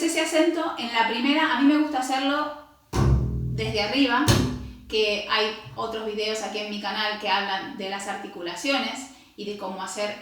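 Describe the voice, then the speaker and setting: A woman teaching double bass, explaining patiently, singing rhythms with syllables and counting aloud. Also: pushed and bright. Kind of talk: instructional music lesson. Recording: very echoey room.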